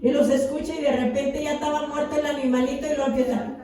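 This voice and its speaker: High-voiced lady preacher, mellow tone, super echoey hall from far off. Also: flat delivery, fast. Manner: fervent preaching with repeated amens. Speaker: pastor. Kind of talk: sermon. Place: church.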